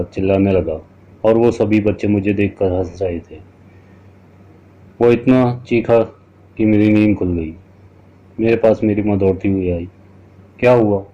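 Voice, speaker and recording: A man's voice: lowish voice, dark tone. A man giving a dramatic, scripted first-person horror narration. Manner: dramatic, storytelling. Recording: dull lo-fi recording.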